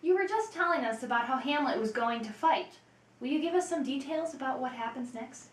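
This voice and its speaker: Woman doing a talk show host, formal questions, kinda high voice, echoey room. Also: animated, brisk. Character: Nancy Dawson, composed female talk show host. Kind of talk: mock talk show interview.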